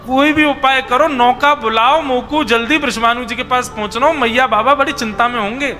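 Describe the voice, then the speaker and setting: A man's voice: very high-pitched, sharp tone. A man voicing a fretful young village girl eager to get home, with a Braj accent. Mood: urgent. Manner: fretful, hurried. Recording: reverberant hall with music behind.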